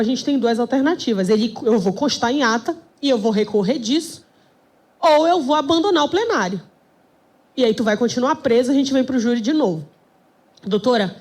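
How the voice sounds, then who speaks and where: A young woman lawyer tells a courtroom story to a class. Her voice sits high, and she acts out both sides of the exchange with lively shifts. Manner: lively, acts out quoted dialogue.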